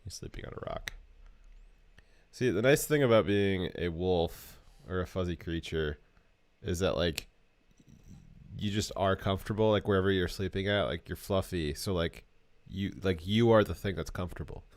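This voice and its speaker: Brief: low-pitched male livestream co-host, dry close sound, easygoing banter. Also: normal speed, no room sound. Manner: relaxed, cooing over animal pictures. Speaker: podcast co-host. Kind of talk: casual livestream chat.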